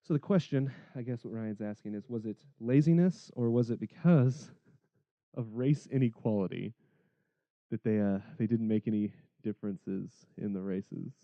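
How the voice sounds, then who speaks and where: A man's voice: on the low side, moderate pace, no echo, dull audio. A man co-hosting a gaming podcast in casual chat, laughing often and reading listener questions. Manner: laughs often, reads listener tweets aloud. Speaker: podcast co-host.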